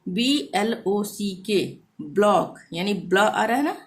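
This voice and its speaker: Woman, teacher, spelling lesson, slow and patient, spells words letter by letter. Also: mid-range voice, lively intonation. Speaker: language teacher.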